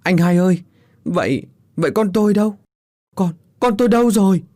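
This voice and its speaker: A man's voice: mid-range voice, big pitch swings, normal speed, a little mellow, no room sound, studio quality, lightly acted. A man voicing a frantic, grieving middle-aged village father who pleads and cries out in anguish.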